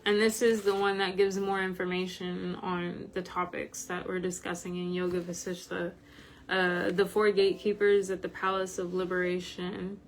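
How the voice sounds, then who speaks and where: A tired-sounding woman with a slightly croaky voice, talking informally and haltingly as she hosts an online study group. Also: lowish voice, flat delivery, slight background noise, rough recording. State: tired from medication. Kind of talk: informal livestream talk.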